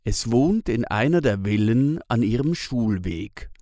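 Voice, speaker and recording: A man reading a children's story aloud in a slow, deliberate, lively way. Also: mid-range voice, no room sound, clean studio sound. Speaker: narrator.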